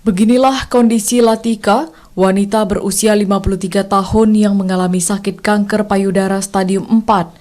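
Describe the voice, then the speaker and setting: A female news anchor reading scripted reports in a formal, measured way. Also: medium pitch, darkish tone.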